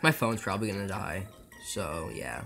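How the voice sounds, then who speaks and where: Bright-voiced man chatting on a stream. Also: sits low, sing-song, moderate pace, vocal fry, soft background music. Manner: rambling, joking, stammering restarts. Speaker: speedrunner streaming live. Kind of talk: casual live-stream chat with viewers.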